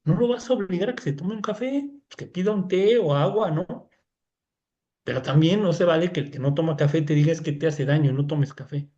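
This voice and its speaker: A man's voice: sits high, lively intonation, brisk, warm tone, dull audio. A man with a Mexican accent leading a Bible study, reading scripture aloud and explaining it in a chatty way, often checking in with "¿no?". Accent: Mexican Spanish. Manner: reads scripture aloud, then explains it conversationally with frequent "¿no?" checks.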